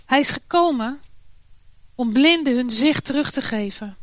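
A woman's voice: high voice, expressive, measured pace, dry recording. A woman giving an earnest devotional talk and reading scripture, with some hesitations and restarts. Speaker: devotional speaker.

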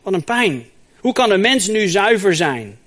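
A man preaching a sermon in a lively, emphatic way, asking the congregation rhetorical questions. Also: high voice, a little slow. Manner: lively and emphatic, with rhetorical questions and a recurring "zeg maar" filler.

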